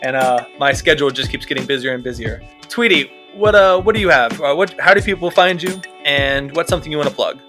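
A man's voice: a little high, lively intonation, fairly quick, hardly any pauses, pushed and bright, soft background music. A man hosting a casual sports podcast, talking loosely with plenty of fillers and restarts. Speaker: podcast host.

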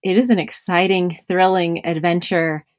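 A woman's voice: on the low side, flat delivery, moderate pace, dry recording, studio quality. A woman in her thirties, a mother of five and podcast host, talking reflectively in a casual conversation with many fillers.

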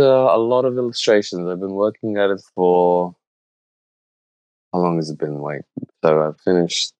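A man, answering interview questions in a thoughtful, halting way. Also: deep voice, a little mellow, no room sound, poor audio. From Slovenia. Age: 30s. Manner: thoughtful, halting, searching for words. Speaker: interviewee, illustrator.

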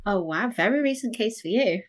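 A woman's voice: medium pitch, expressive, normal speed. Wry woman co-hosting a podcast. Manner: wry, understated. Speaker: podcast co-host. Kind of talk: casual chat.

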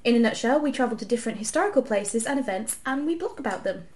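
A woman's voice: fairly high pitch, lively intonation, fast, a little mellow. A woman co-hosting a casual history podcast, explaining at length and correcting her co-host.

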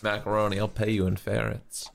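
A man playing in a tabletop game, talking bluntly and gruffly in character. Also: fairly low pitch, monotone, fairly quick, a little hiss or hum. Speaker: player. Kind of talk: casual in-character chat. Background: background music.

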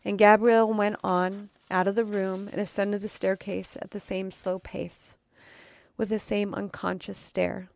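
Gravelly woman reading a dark tale. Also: mid-range voice, level tone, measured pace. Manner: dramatic reading with occasional stumbles and asides. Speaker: podcast host. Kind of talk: storytelling reading.

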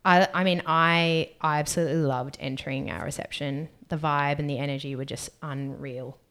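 A young woman co-hosting a podcast, reading out questions and chatting in a relaxed way about staying grounded and good energy. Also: deep voice, moderate pace, smooth. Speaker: podcast co-host. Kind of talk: casual podcast chat.

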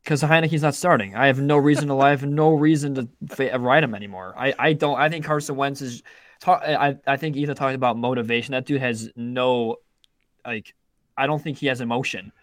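A man's voice: mid-range voice, fairly quick, dry recording. Rambling young man, dry close sound. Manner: rambling, self-interrupting, frequent restarts and swearing. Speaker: podcast co-host. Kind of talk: casual sports betting chat.

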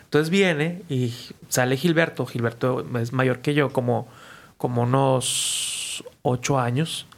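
A man, a musician guest casually telling stories in an animated, slangy way and acting out the people he quotes. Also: mid-range voice, slow pace, creaky. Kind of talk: casual storytelling.

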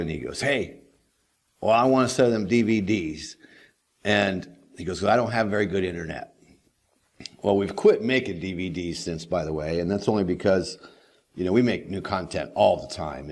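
A middle-aged man hosting a daily helicopter training video, rambling in a folksy casual way with lots of "you know". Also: sits low. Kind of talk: casual talking-head monologue.

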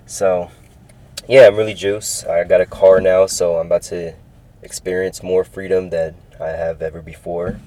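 A man's voice: low voice, level tone, moderate pace, mellow, poor audio. A man in his early twenties, upbeat and rambling, talking through his own sports podcast and repeating himself. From California. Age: 20s. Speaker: podcast host. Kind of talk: casual solo sports podcast.

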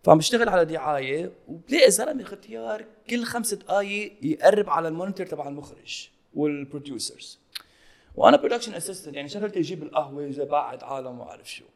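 A man with a distinctly high voice and a Lebanese Levantine Arabic accent. He talks very quickly in a casual, storytelling podcast style. English phrases slip into his Arabic. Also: animated. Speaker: podcast co-host. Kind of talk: casual chat and animated anecdote telling.

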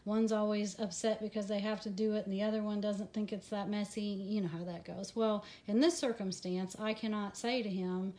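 A woman hosting a ministry video, slightly out of breath, giving a personal devotional talk in a conversational, halting way with many fillers. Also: medium pitch, fairly even intonation, dark tone. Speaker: ministry host.

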